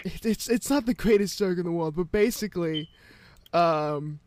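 A man's voice: sits high, normal speed, darkish tone, no echo. A young man co-hosting a podcast, telling a story in a rambling, casual way with many restarts. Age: young adult. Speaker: podcast co-host. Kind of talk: casual chat.

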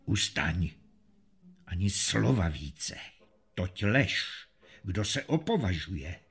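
A man's voice: sits low, very animated, a bit bright, husky, voice pushed down, heavily acted. A man doing a proud, stern medieval knight. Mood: angry. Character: proud hot-tempered male knight. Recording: faint music behind.

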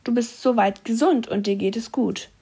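A woman's voice: on the high side, normal speed, mellow, breathy edge. A woman voicing a small, curious teardrop that asks questions in a raised, searching tone and sometimes slips into a whisper. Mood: puzzled. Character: small wandering teardrop, curious and easily dismayed.

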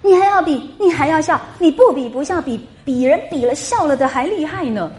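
A woman reading the lines of a sulky, jealous young girl who is quick to take offence, in sharp, petulant retorts. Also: high-pitched, expressive, pitched above the performer's own voice. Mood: sulky, cold.

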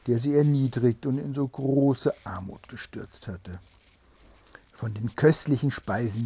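A man reading a fairy tale aloud to a child, pausing to explain the story gently. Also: mid-range voice, breathy edge.

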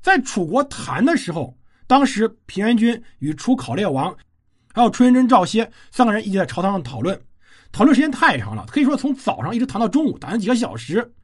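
Lively husky history storyteller. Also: medium pitch, a little fast. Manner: lively conversational retelling with colloquial asides. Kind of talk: casual history storytelling podcast.

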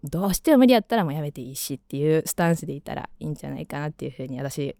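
A young woman with a Kansai accent hosting a late-night radio talk, rambling and chatty with lots of fillers. Her voice sits low but swings freely up and down. The studio sound is close and dry. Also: animated, very fast, gravelly, mellow, no room sound. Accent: Kansai Japanese. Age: 20s. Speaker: radio host. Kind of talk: casual radio chat.

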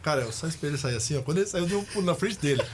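Middle-aged são guy, rattling off old locker room stories quick, acts out the shouting bits, faint room hiss. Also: on the high side. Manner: animated, acts out shouted quotes, laughs while telling. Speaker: guest, former goalkeeper. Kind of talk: casual storytelling chat. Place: podcast studio.

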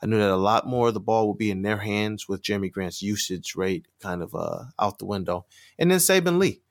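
A man's voice: lowish voice, lively intonation, brisk, creaky, no room sound, studio quality. A man who is a guest on a sports podcast, talking casually and hesitantly with many fillers.

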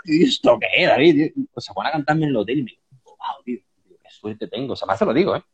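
A man's voice: a little high, rapid-fire, gravelly, breathy edge, dull audio. A man from Spain with a Spanish accent, chatting casually about singers he knows and acting out the conversations, with "tío" in nearly every sentence. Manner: animated storytelling, acts out quoted dialogue, says "tío" constantly. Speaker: musician guest. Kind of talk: casual chat.

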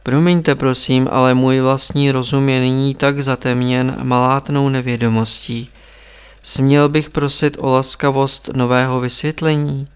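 A man's voice: mid-range voice, flat delivery, clean tone, close to an everyday voice. A man voicing a young male monk who pleads in anguish, in an audiobook reading. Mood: pleading.

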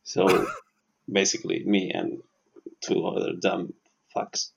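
A man's voice: deep voice, flat delivery, slow, gravelly, very noisy. A man co-hosting a podcast, telling a story in a loose, laughing way. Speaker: podcast co-host. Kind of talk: casual storytelling.

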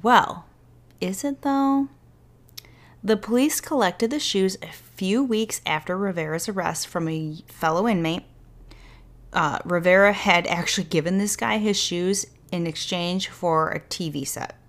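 Lowish-voiced woman, sarcastic true crime rant. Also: moderate pace. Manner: animated, sarcastic, swears freely. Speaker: true crime podcast host. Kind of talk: reading case notes with casual commentary.

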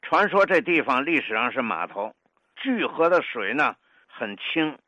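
Older man, Tianjin accent, bright clear voice, dry close sound, careful lecturing delivery. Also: medium pitch, big pitch swings, no room sound, highs cut off. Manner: measured, lecturing, sounds out syllables. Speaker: dialect scholar. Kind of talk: explanatory talk on pronunciation.

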